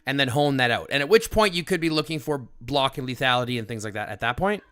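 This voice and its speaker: Bright-voiced swearing streamer guy. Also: mid-range voice, animated, quick pace, clear, resonant tone, no echo, studio quality. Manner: profane, emphatic, explains step by step. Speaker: livestream host coaching a player. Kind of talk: casual livestream chat.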